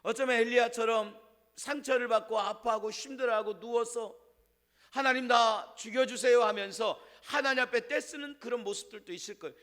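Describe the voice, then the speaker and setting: A man preaching a sermon as pastor, telling stories and dropping to a hush for the words of God. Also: very high-pitched, a little fast. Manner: storytelling with a quiet, hushed delivery for God's words. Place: church sanctuary. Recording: long church-hall reverb.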